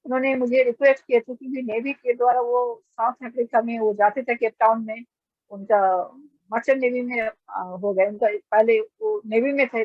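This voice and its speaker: A middle-aged woman gives an earnest personal testimony, telling it like a story and often restarting her sentences. Her voice is fairly high. The recording is dull and lo-fi, with no room sound.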